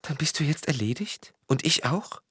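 A man's voice: medium pitch, wildly swooping pitch, a little fast, dry recording, studio quality, pitched above the performer's own voice. A man voicing a middle-aged woman who has just been arrested, defiant and agitated, in a read-aloud crime story. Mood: shaken. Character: woman in her middle years under arrest, defiant then shaken.

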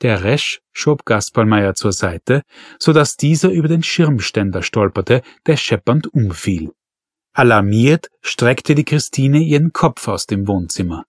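Man, audiobook narrator, steady storytelling, husky, dry close sound. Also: medium pitch, measured pace, dry recording. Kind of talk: scripted narration.

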